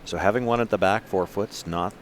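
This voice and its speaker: Very low-pitched man calling curling. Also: fast talker. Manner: conversational, puts questions to co-commentators. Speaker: play-by-play curling commentator. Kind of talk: live sports commentary. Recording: noisy sports arena broadcast.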